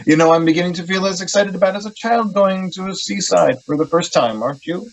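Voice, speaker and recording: On a rough recording, a man with a high-sitting voice plays an idealistic, excitable young poet in a radio drama. His delivery is earnest and theatrical, with halting phrasing and an exalted, eager mood.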